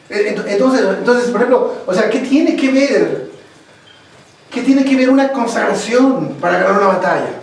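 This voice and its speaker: A man preaches a Bible study with a high-pitched voice that stumbles and restarts, often turning to the room with a question. He sounds a bit distant from the mic, in a strongly echoing church hall with a faint hum of noise behind. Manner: halting, repeats words and asks the room questions. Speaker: pastor.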